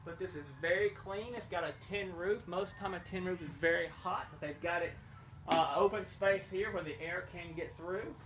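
A man's voice: high-pitched, normal speed, fairly bright tone, a little hiss or hum. A middle-aged man from a charity giving a casual, grateful vlog tour at a village well, speaking outdoors into a handheld camera. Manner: enthusiastic, grateful, explaining as he walks. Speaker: charity representative. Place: outdoors at a village well and a small new house.

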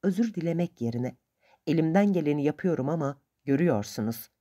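A woman voicing a greedy, sharp-tongued male boatman who answers back in quick, defiant retorts. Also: low-pitched, lively intonation. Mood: grumbling.

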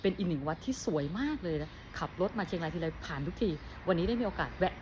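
A woman's voice: lowish voice, animated, fast. Woman vlogging at a noisy temple. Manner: friendly guide tone, soft polite sentence endings throughout. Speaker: travel vlogger guiding a temple visit. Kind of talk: casual travel vlog narration. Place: outdoor temple grounds. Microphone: handheld phone camera. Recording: noisy outdoor ambience with passing vehicles.

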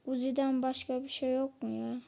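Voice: sits high, little pitch movement, moderate pace, vocal fry, mellow. A channel host giving casual commentary while playing a shooter game, chatting to viewers and grumbling about weapons.

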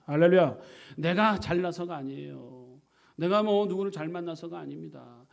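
A man, a pastor, preaching a sermon to his congregation. He swells in volume for scripture and calls to the congregation, then drops to easy, chatty asides. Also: on the high side. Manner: preaching with emphatic surges in volume, slowing for scripture readings; warm conversational asides to the congregation.

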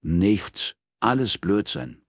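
A man reading an audiobook voices a gruff, dismissive private detective in his own deep voice. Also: animated, slow pace, no room sound, studio quality.

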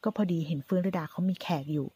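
Female audiobook narrator, low and dark, husky, reads the narration and all the dialogue alone. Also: quick pace. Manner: reads narration and voices all characters' lines in one voice. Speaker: storyteller reading a drama novel aloud.

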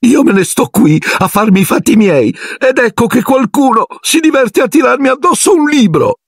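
A man doing a shrill, wailing ghost girl. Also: normal speed, creaky, dry recording, clean studio sound, full character voice. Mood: shrieking. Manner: shrill falsetto, sobbing and shrieking. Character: wailing teenage girl ghost, touchy and self-pitying.

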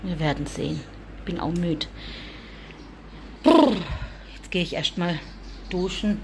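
A woman's voice: fairly even intonation, moderate pace, creaky, background noise. A woman, talking casually to her viewers and cooing at her cats while she cleans, now and then coughing from her allergy. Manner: chatty, coos and calls to her cats in a high sing-song. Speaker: vlogger. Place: room with cats, indoors.

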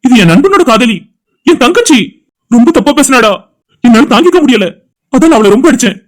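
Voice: mid-range voice, expressive, a little fast, close to an everyday voice. A voice actor playing an anxious, heartbroken young man in a cartoon who pours out his troubles in a pleading way. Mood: distressed. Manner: pleading, emotional storytelling. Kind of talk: cartoon voice acting.

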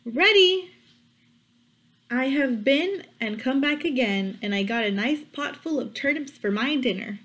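A woman voicing a plucky little male pig in a storybook reading, with high, chirpy replies. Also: expressive, a little slow, a bit bright. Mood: pleased. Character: small young male pig, plucky and polite.

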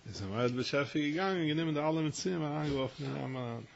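A man giving a Torah lesson as a rabbi, telling stories with halting restarts and rising to loud, emphatic stretches. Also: on the high side, lively intonation, gravelly. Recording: dull lo-fi recording with faint noise.

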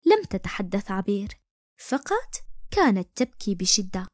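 Expressive woman storybook narrator. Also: medium pitch, moderate pace, dry recording, clean studio sound. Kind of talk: first-person storybook narration.

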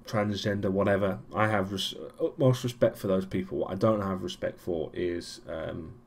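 Low-voiced man rambling through a vlog. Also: fairly even intonation, moderate pace, vocal fry. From Europe. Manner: rambling, many ums and restarts, dry sarcasm. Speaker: vlogger. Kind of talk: casual weekly vlog recap.

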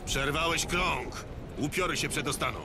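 A man playing a calm, terse monster hunter in a video game. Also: a little high, normal speed, natural voice. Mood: calm, grave. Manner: calm, terse, matter-of-fact. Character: calm, stoic monster hunter advising a king. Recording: game ambience noise behind.

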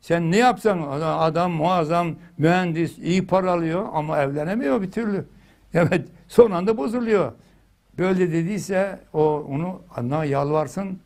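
An older man delivering a religious lesson in a fairly high voice. He tells stories with animated energy and now and then chants a phrase loudly for emphasis. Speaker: religious teacher.

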